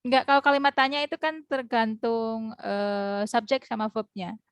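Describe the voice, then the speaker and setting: A woman teaching an online English class, explaining slowly and modeling English phrases. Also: on the high side, steady tone, clear, resonant tone, dry recording.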